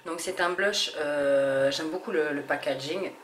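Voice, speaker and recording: A beauty vlogger with a low voice goes through a haul, speaking casually and hesitantly with lots of fillers and restarts. She keeps a measured pace and a slightly bright tone. The room is echoey, with a faint ambient hum.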